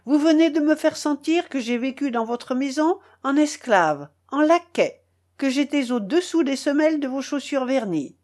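Storybook role: proud, wounded male hanger-on with grand outbursts, read by a woman, voice high and lively. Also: moderate pace. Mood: reproachful. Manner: melodramatic outbursts, wounded dignity. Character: pompous, self-pitying male hanger-on, theatrical and proud.

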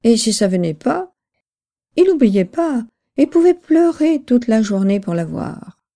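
Mellow-voiced woman reading a novel. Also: on the high side, big pitch swings, a little slow. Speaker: audiobook narrator. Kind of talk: scripted narration of a novel.

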